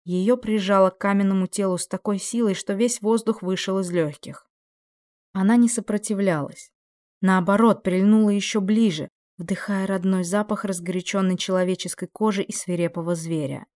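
A woman's voice: medium pitch, fairly even intonation, moderate pace, darkish tone. A woman narrating a dramatic fantasy audiobook expressively, acting out the dialogue. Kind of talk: dramatic fiction reading.

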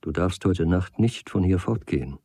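A man softly voicing a solemn young woman. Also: normal speed, husky, no room sound. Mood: grave. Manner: low, unsmiling, even-voiced. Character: solemn grave young woman, quiet and earnest.

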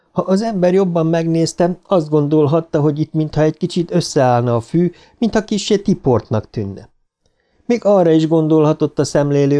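A man narrating a novel as an audiobook reader, in an even storytelling manner. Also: mid-range voice.

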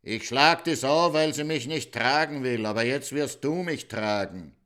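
A man's voice: mid-range voice, close to an everyday voice. A man playing a brash bossy king. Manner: shouting commands, slow and emphatic. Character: brash crude male king, bossy and reckless.

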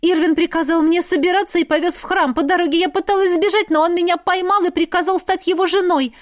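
A woman's voice: fairly even intonation, quick pace. Woman voicing a frantic pleading young heroine. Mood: desperate. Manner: shrill, pleading outbursts.

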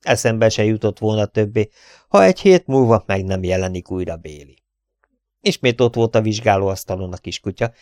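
Low, gravelly male audiobook narrator. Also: a little mellow, no room sound, clean studio sound. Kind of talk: first-person audiobook narration.

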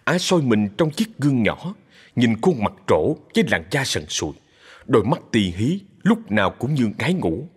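Husky-voiced male storyteller. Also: medium pitch, normal speed, in a large hall. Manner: steady, expressive storyteller. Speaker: narrator. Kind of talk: dramatic story narration.

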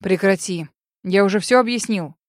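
A weary male witcher from an audiobook, dry and ironic, tired of it all, as a woman reads him. The voice sits at a medium pitch in a dry, close recording. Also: moderate pace, no echo, close to an everyday voice. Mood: wry weariness.

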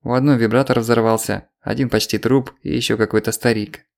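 A man's voice: mid-range voice, fairly even intonation, brisk, gravelly, natural voice. A man reading as a drowsy, teasing wife. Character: sleepy sharp-tongued middle-aged wife.

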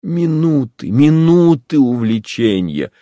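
A man voicing a guilty, tearful husband who pleads in a quiet, timid, trembling voice. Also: mid-range voice, very animated, takes it slowly, dry recording, studio quality, voice pushed up. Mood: pleading contrite.

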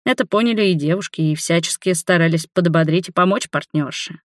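An audiobook reader giving measured, steady first-person narration. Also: medium pitch, no room sound, clean studio sound.

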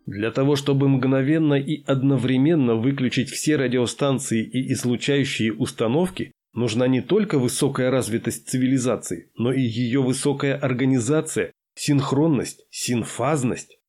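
A man's voice: mid-range voice, moderate pace, few pauses, darkish tone, close to an everyday voice. A man voicing a timid male ship's adviser who hesitates and then lectures at length. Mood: cautious.

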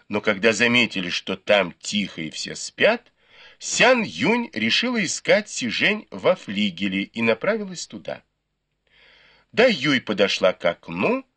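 A man narrating an audiobook in a measured, expressive storytelling manner. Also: lowish voice, slightly rough.

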